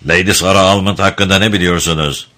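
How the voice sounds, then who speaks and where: A man's voice: low voice, fairly even intonation, brisk, bright, forceful tone. A man voicing a stern male court official who questions a witness in a formal, probing way. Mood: questioning.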